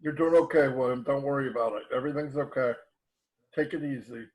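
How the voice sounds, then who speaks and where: A man's voice: mid-range voice, fairly even intonation, fast talker, low-quality recording. Easygoing, reassuring male host. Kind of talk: casual chat on a video call.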